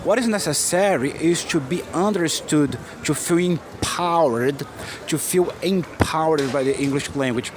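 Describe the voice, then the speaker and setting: Out on a busy city street, a native Portuguese-speaking Brazilian English teacher gives a sincere, upbeat lesson and says his key phrases more than once. He talks a little slowly in a fairly high voice, over a noisy backdrop of traffic and street sounds.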